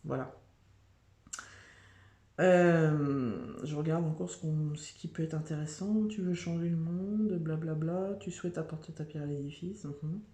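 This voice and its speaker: A woman's voice: sits low, measured pace, mellow, reverberant. A woman giving a casual, chatty tarot reading, full of fillers, restarts and "tu vois". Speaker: tarot reader.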